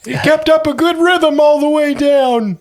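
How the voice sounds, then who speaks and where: Woman playing a very high-voiced deadpan retiree. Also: measured pace.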